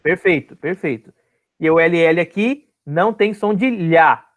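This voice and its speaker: Fairly high-voiced male teacher. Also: normal speed. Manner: explanatory, checks in with students often. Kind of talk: online class lecture.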